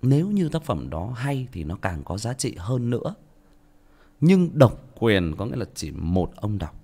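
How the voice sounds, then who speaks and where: A man's voice: fairly low pitch, big pitch swings, unhurried, mellow. A man with a Northern Vietnamese accent, an audiobook narrator talking bluntly and self-mockingly to his listeners in a casual monologue.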